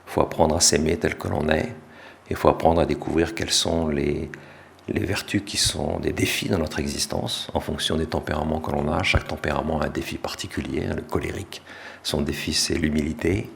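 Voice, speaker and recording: Deep gravelly middle-aged french guy talking to a crowd, relaxed, fixes his own slips. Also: a little fast, a little hiss or hum. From France. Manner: relaxed, self-deprecating, with restarts. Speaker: author and speaker. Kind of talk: public talk to an audience.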